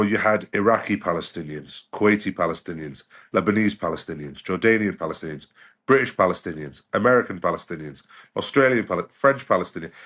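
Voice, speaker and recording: A middle-aged doctor from the UK, where he grew up, speaks as a podcast guest in a reflective, conversational way. His voice is deep and a bit bright, and he often says "you know" and restarts.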